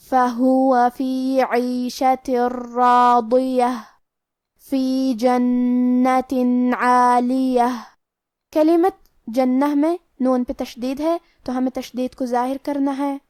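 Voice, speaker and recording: A woman gives a step-by-step lesson on recitation rules in a high, clear voice. She recorded close to the mic in a dead, dry room. She slows right down to recite each word with care. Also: a little mellow, no echo. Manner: slow, careful recitation of Arabic words between explanations. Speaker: Quran recitation teacher. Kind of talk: tajweed lesson explaining pronunciation rules.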